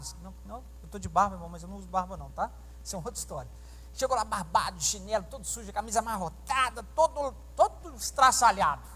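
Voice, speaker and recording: A man preaching a sermon as pastor, telling stories with acted-out dialogue and quizzing the congregation. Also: extremely high pitch. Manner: animated storytelling, acting out dialogue and questioning the congregation. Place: church sanctuary during a service. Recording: reverberant church hall sound.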